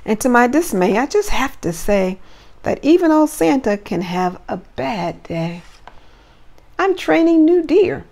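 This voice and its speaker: A woman's voice: fairly high pitch, very animated, unhurried, gravelly, a little mellow, exaggerated voice. A woman voicing a flustered, worried old Santa Claus in a children's storybook, complaining and pleading dramatically. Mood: worried, upset. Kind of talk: children's storybook read-aloud.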